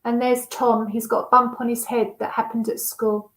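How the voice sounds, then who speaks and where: A woman's voice: on the high side, flat delivery, moderate pace, fairly bright tone. A woman reading a children's novel aloud expressively and chatting with young listeners. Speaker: storyteller. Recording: roomy echo.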